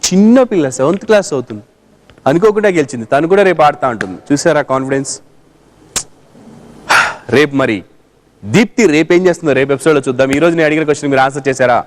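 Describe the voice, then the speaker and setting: A game show host on a TV quiz program playfully teases a young contestant and reads the contest instructions in an announcer's style. His fairly high voice moves very fast with lively intonation, and he pauses often.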